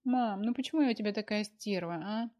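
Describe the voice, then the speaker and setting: A woman's voice: mid-range voice, a little fast, warm tone, natural voice. A woman voicing an exhausted young woman who blames herself and complains tearfully, in an audiobook. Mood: distraught. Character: weary, self-blaming young woman. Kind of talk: audiobook character voice.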